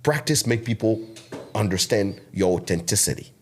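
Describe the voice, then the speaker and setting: Preaching emphatically as a podcast guest, this content creator, a man in his thirties from Togo whose first language is French, has a French West African accent. His fairly low voice is expressive and moves at a normal pace, with slight background noise in the recording.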